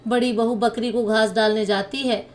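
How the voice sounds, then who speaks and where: A woman telling a moral family story in steady scripted narration. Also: on the high side, normal speed.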